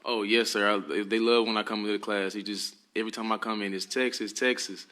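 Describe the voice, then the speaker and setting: A teenage high school football player answers interview questions in a polite, earnest way. His voice is fairly low but strikingly bright. He speaks in a calm, measured manner. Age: teens.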